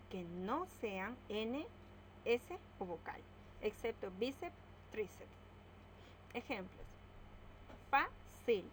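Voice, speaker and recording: A woman teaching a grammar lesson, slowly spelling out words and stressing each syllable. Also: on the high side, slight background noise, low-quality recording.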